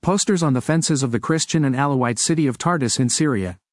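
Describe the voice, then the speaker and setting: A man giving a steady, measured scripted narration of a news report. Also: medium pitch, dry recording, clean studio sound.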